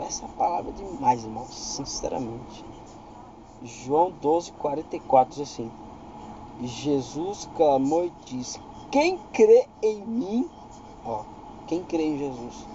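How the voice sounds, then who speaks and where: A man's voice: a little high, warm tone, highs cut off, slight background noise. A man with a Brazilian Portuguese accent giving informal Bible teaching, reading verses aloud with rising emphasis and often asking if you understand. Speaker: preacher.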